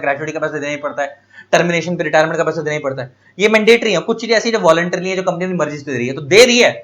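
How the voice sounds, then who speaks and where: A man's voice: a little high, a bit bright. A man teaching law, explaining terms through everyday examples and often repeating the main point. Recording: dull lo-fi audio.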